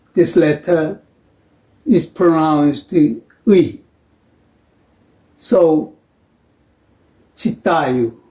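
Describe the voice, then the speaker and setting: A man narrating a language lesson in a slow, deliberate way, pausing between phrases. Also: high voice, mellow, echoey room, poor audio.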